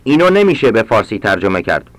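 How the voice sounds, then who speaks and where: A man reading short practice sentences aloud for language learners, slowly and with careful enunciation. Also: fairly low pitch, sing-song, no echo. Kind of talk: read-aloud Persian drill sentences for learners.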